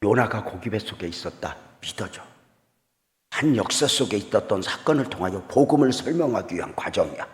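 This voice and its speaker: Man preaching revival sermon, animated voice, long church-hall reverb, loud bursts then hushed storytelling. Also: fairly low pitch, brisk. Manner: swings between loud exclamations and quiet storytelling, asks the congregation questions. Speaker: guest revival pastor. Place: church sanctuary.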